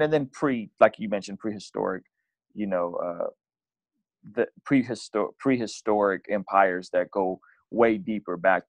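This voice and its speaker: A young man from Azerbaijan, appearing as a podcast guest, chats casually in an interview with a fairly low voice. He rambles and restarts often, leaning heavily on "you know" and "like," and the recording is dry.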